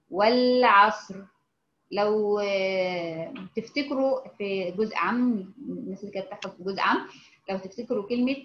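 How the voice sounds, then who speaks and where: A woman with an Egyptian Arabic accent teaching recitation, explaining patiently and modeling words slowly with repetition. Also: on the high side, reverberant, lo-fi sound. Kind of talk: informal online lesson.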